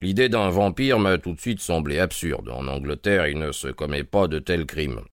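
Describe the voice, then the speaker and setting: A man voicing a brisk, self-assured detective in an audiobook, speaking in a measured way. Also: extremely low pitch, expressive, clear, resonant tone, dry recording, studio quality. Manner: measured, confident explaining. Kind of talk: audiobook character reading.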